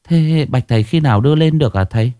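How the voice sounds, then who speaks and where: A man's voice: medium pitch, fast, warm tone, clear, resonant tone, no room sound, clean studio sound, pitched above the performer's own voice, close to an everyday voice. A man voicing an anxious young daughter-in-law who stammers and pleads.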